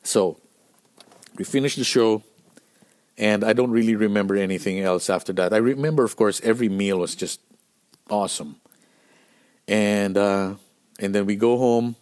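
A middle-aged man from the Philippines, hosting a podcast and telling road stories in a casual, animated, profane way with lots of fillers. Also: fairly low pitch, moderate pace, pauses often. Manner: profane, animated storytelling with many fillers and restarts. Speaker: podcast host.

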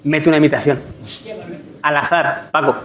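Comedian guest, man, high voice, faint noise behind. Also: normal speed. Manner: animated, stammering, self-mocking. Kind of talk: comic storytelling on a talk show.

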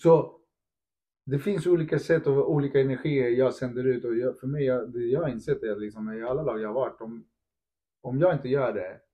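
A man's voice: mid-range voice, highs cut off. A man talking as a podcast co-host and football coach in casual chat, acting out quotes and tossing in English phrases. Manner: animated, acts out quotes, mixes in English phrases; asks "förstår du?" often.

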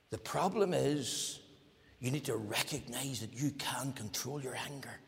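A man preaching a sermon as pastor, emphatic, moving from loud declarations to near-whispers. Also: medium pitch, gravelly. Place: church. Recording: long church reverb.

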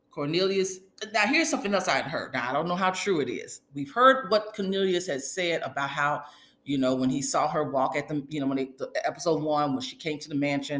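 A woman giving casual, opinionated reality TV commentary as a host, with colloquial sassy asides and animated retellings of what others said. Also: sits low. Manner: animated retelling, acting out others' quoted remarks. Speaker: host of a reality TV recap show. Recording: echoey, reverberant room.

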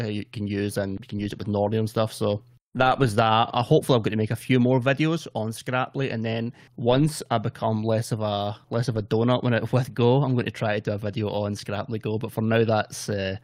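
A man's voice: fairly low pitch, no echo, studio quality. A Scottish man chatting casually in a self-deprecating way. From Scotland. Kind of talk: casual chat.

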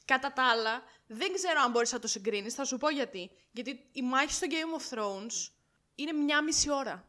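A woman's voice: high-pitched, animated, sharp tone. A young woman in casual conversation, chatty and insistent as she argues her point. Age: young adult. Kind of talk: casual chat about a series.

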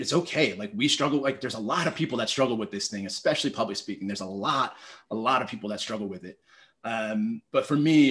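A man in his thirties telling stories as a podcast guest, lively and conversational, acting out his own thoughts with lots of "like". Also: mid-range voice. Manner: animated, storytelling, acts out quoted thoughts, heavy use of "like". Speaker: podcast guest, public speaking teacher. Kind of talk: casual conversational interview.

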